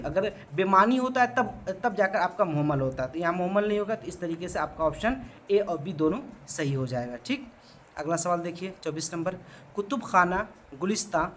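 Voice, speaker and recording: With slight background noise, a male teacher's high, somewhat bright voice leads an exam prep grammar lesson. He asks the multiple-choice questions, answers them himself, and keeps checking in with the class.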